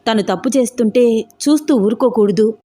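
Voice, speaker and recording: A woman's voice: mid-range voice, moderate pace, mellow, natural voice. A woman voicing an outspoken, protective young woman in a storybook romance, pressing her questions indignantly. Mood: agitated.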